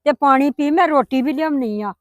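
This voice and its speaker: A woman's voice: high-pitched, a little fast, no room sound, studio quality, natural voice. A woman playing a coaxing patient grandmother. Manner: coaxing, placating. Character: patient grandmother, soothing mother-in-law. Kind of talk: family drama acting.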